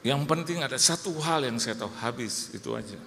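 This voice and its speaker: A man's voice: mid-range voice, lively intonation, brisk, creaky, big-room sound, slight background noise. Middle-aged man preaching a storytelling sermon. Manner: storytelling, acting out soft quotes of himself and his wife. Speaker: pastor. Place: church service.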